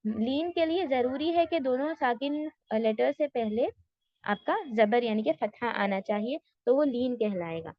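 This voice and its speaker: A woman teaching a tajweed class online, patiently explaining step by step and slowly modelling sounds. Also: on the high side, expressive, no echo, lo-fi sound.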